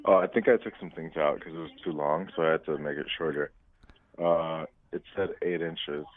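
Male, from Miami, rumbling low magnetic voice, relaxed conversational phone delivery over a thin telephone connection. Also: normal speed. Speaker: male escort taking a phone call. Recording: tinny narrow phone line.

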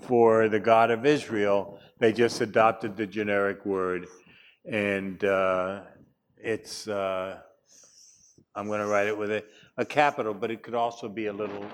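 A man's voice: lowish voice, fairly even intonation, measured pace. Man lecturing with wry asides. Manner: chatty, wry asides, frequent fillers. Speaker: teacher. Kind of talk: classroom lecture.

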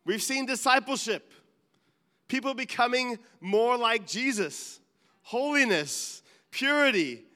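A male pastor with a high, bright, clear voice preaches earnestly, climbing to emphatic peaks and dropping into asides. His words ring out with a long reverb, as in a large church hall. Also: expressive, slow. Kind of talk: sermon.

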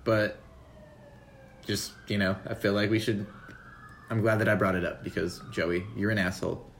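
A man's voice: fairly low pitch, fairly even intonation, moderate pace, a bit bright, slight background noise. A man co-hosting a soccer podcast in casual chat, blunt, swearing and laughing often. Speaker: podcast co-host.

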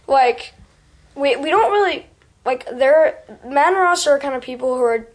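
A woman's voice: high-pitched, lively intonation, normal speed. A young woman, an actor in a web series, chatting in an upbeat way with lots of fillers during an interview. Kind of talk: casual interview chat.

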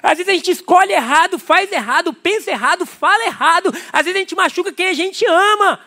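A man's voice: very high voice, brisk, bright, forceful tone. A man with a Brazilian accent preaching a sermon in a chatty way, often putting questions to the congregation. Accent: Brazilian Portuguese. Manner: conversational, asking the congregation questions. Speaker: pastor.

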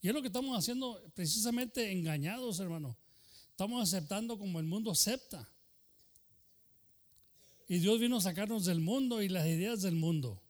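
Man, pastor, fervent bilingual sermon, high voice. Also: expressive, normal speed, long pauses. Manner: switches between Spanish and English mid-sentence; fervent preaching punctuated by "aleluya" and "hermano".

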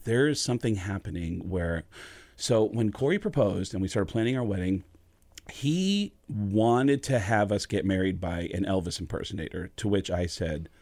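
A chatty comedian telling a story. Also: male voice, on the low side, dry recording. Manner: animated, quick to act out the other voices. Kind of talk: casual storytelling.

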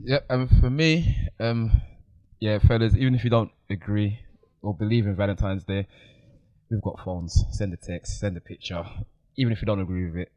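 A man's voice: lowish voice, normal speed, mellow, muffled recording. A man hosting a casual panel chat, explaining himself insistently in slangy speech. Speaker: podcast host.

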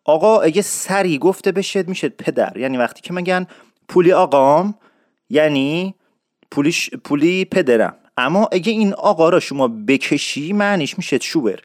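Man teaching with a higher voice. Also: lively intonation, no room sound, studio quality. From Isfahan, Iran. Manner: explanatory, playful asides, slowly repeats example words. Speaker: host and dialect teacher. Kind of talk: informal radio-style language lesson.

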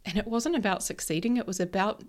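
A woman's voice: medium pitch, quick pace. Informal, emphatic woman with broad Kiwi accent. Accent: broad New Zealand. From New Zealand. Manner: informal, sweary, emphatic, checks in with rhetorical questions. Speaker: mindset coach and presenter. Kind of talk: casual motivational talk with personal anecdotes.

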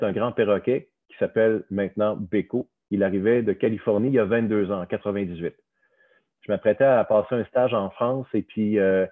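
A puppeteer, a man telling a playful story about his puppet in a casual chat. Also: fairly low pitch. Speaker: puppeteer and guest. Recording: husky voice over a tinny phone-like line.

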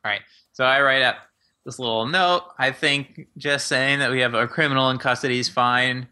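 A man joining a tabletop game, his voice very bright and pushing forward. He jokes and talks plans through in a relaxed, easy way. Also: mid-range voice, normal speed, clear, resonant tone. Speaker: player. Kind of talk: casual tabletop play.

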